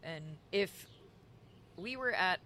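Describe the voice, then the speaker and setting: A woman guest on a podcast, telling stories in a lively way and laughing often, in an outdoor courtyard. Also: medium pitch, slow, slight background noise. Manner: laughing, animated storyteller. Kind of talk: casual conversation.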